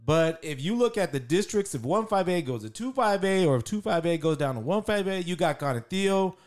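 A man's voice: high-pitched, animated, fairly quick, a little mellow. A man co-hosting a casual sports podcast, laid-back and slangy as he runs through game scores. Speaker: podcast co-host.

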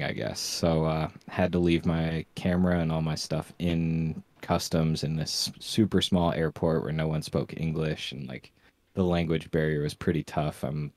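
A man with a low voice co-hosts a podcast and tells a rambling story, full of "um" and "uh". The sound is dry and close, with no room echo. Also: a little mellow. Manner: rambling storytelling with many fillers. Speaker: podcast co-host. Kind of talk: casual podcast chat.

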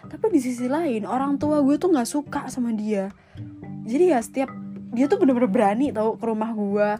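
A woman's voice: on the high side, a little fast. A young woman hosting a casual podcast, telling a personal story in slangy, chatty speech full of swearing. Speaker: podcast host. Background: faint guitar music.

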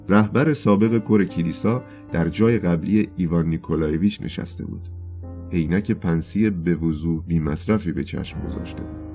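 A man reading a novel aloud in measured, scripted audiobook narration. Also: low voice.

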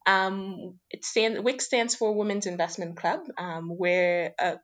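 A woman's voice: mid-range voice, flat delivery, slow, a bit bright. A woman from Senegal, giving conversational answers as an interview guest. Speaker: guest, women's investment organisation member.

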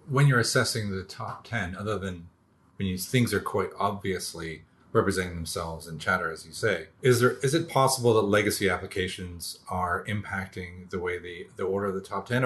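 A man with a very low voice hosts an interview. He asks long, meandering questions. He also drops in short acknowledgements while his guest talks. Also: brisk, a bit bright. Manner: long rambling questions, brief backchannels. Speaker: interviewer, podcast host.

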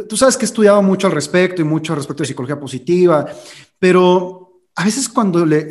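A man's voice: a little high, a little mellow. A man hosting a casual interview, speaking in an enthusiastic, reflective way. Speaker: host.

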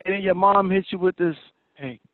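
A man who is a parent, co-hosting a podcast in casual chat, playful and animated when telling stories. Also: high-pitched, fairly quick. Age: adult parent. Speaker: podcast co-host. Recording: tinny phone-like dry sound.

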